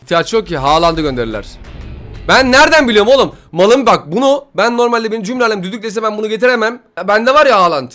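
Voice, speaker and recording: A young man with a high, lively voice talks fast over gameplay. He begs, grumbles and complains about his luck, and his tone is bright. Music plays faintly behind him. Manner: swings from pleading to loud frustration. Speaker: gaming YouTuber opening player packs. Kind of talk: excited gameplay commentary.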